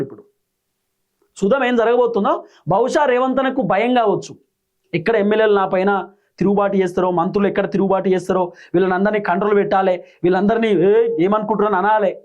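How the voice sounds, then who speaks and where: A man with a Telangana Telugu accent giving solo political commentary, firing off rhetorical questions and listing grievances one after another. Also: high voice. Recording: dull lo-fi sound.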